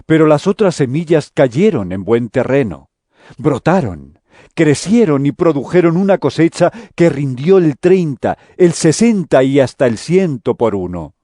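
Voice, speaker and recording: An actor playing Jesus as a calm, authoritative teacher, speaking solemnly and deliberately in a dramatized audio Bible. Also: male voice, a little high, no echo, clean studio sound. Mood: earnest teaching. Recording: music under the voice.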